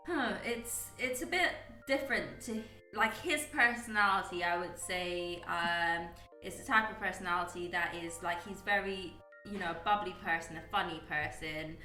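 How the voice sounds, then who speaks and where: A woman's voice: on the low side, moderate pace, few pauses, pushed and bright, echoey room, far from the mic, soft background music, rough recording. A young woman from Guyana and the UK chatting casually as a podcast host, rambling with lots of fillers and restarts. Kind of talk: casual chat.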